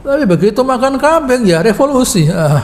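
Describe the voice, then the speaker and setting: A man's voice: very high-pitched, sing-song, moderate pace. A man preaching a folksy, joking sermon with Quran commentary in a mosque, full of asides and chuckling at his own jokes. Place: mosque hall. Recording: reverberant mosque hall with faint noise.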